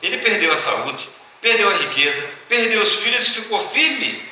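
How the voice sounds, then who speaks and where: A man's voice: high voice, very animated, normal speed, pushed and bright, slight background noise, pitched above the performer's own voice, heavily acted. A pastor voicing a distraught grown man in a story, speaking in a raised, pleading voice. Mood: agitated. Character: distraught grown man confessing anger to neighbor. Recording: echoey hall from far off.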